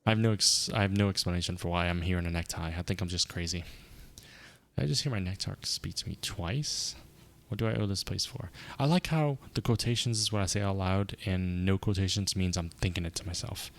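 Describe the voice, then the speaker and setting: A man's voice: sits low, fast talker, few pauses. A man streaming a video game, reading its dialogue aloud and reacting with sarcastic asides.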